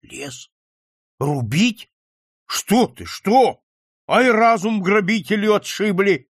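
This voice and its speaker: A man's voice: sits high, very animated, unhurried, no echo, studio quality, voice pushed up, heavily acted. A man reading an audiobook, voicing an exasperated older male captain who scolds a begging merchant. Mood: incredulous. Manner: scolding, incredulous.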